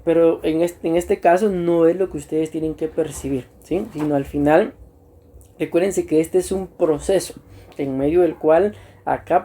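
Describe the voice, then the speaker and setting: Mellow pastor teaching deacons. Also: male voice, on the high side. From Costa Rica. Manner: earnest and unhurried, repeats himself, often clears his throat. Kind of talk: church teaching to new deacons.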